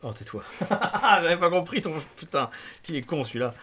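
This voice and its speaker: A man's voice: very animated, moderate pace, slight background noise. French man reading a novel aloud. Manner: raises pitch sharply for shouted dialogue. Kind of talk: animated reading aloud with voiced dialogue.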